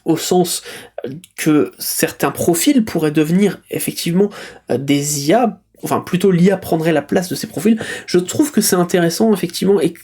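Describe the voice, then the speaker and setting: A man's voice: high-pitched, normal speed, a little mellow, breathy edge. A man hosting a live stream, reading out chat messages and musing on them in a casual, hesitant way, with frequent fillers and restarts. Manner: hesitant, many euh fillers and restarts, thinking aloud.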